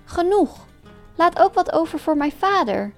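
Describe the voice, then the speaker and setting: A woman voicing a tiny, clever boy born from a chickpea in a told folk tale, with a high piping child's voice. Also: very animated, a little slow, faint music behind, full character voice. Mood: bossy.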